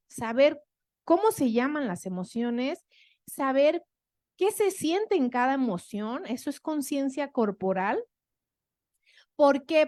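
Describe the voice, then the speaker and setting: Higher-voiced Mexican woman lecturing casually. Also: no room sound, clean studio sound. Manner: chatty, tags sentences with rhetorical questions. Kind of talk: conversational lecture to an audience.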